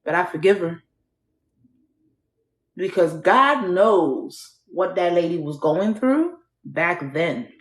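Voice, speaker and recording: Her lowish, expressive voice takes things slowly in an echoey room. She's from Trinidad and Tobago but speaks with an American accent, giving a personal testimony to camera in a blunt, candid, raw way, with swearing and wry laughs.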